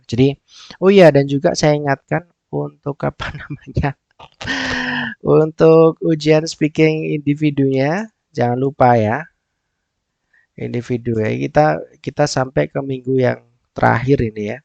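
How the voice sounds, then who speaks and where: A man's voice: mid-range voice, creaky, dark tone, no echo, highs cut off. A man, an English lecturer, explaining a listening test in a casual recorded lecture, with many fillers and restarts.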